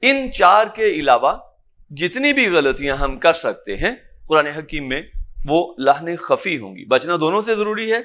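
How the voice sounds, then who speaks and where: Man, high voice, recitation teacher, patient classroom lecture, chants examples slowly. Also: sing-song, sharp tone. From Pakistan. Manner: explains patiently, checks understanding with questions. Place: lecture room in an academy.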